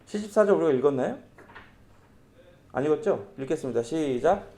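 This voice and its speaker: A man preaching a sermon as pastor, speaking lively and acting out quoted lines in voices. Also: a little high, fairly quick, a little hiss or hum. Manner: lively, acts out quoted speech in character voices.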